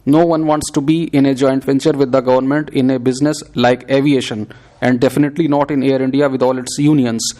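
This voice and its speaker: Man dictating in an even, flat tone. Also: medium pitch. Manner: dictating, measured and steady, read aloud word by word. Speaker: shorthand dictation reader. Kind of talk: dictating prepared text for a shorthand exercise, scripted reading.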